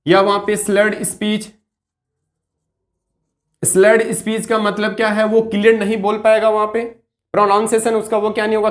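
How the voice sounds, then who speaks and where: A male nursing tutor giving an exam-focused lecture. He keeps asking questions and answering them himself, and slows to stress key terms word by word. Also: high-pitched.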